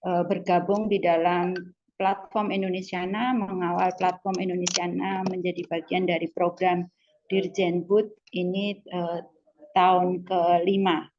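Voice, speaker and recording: A woman speaks very slowly and politely, in a lowish voice, pausing often on hesitant fillers. Her audio is dull and lo-fi, as on a video call. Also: flat delivery, a little mellow. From Solo, Central Java. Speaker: lecturer and expert panelist. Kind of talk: formal webinar talk.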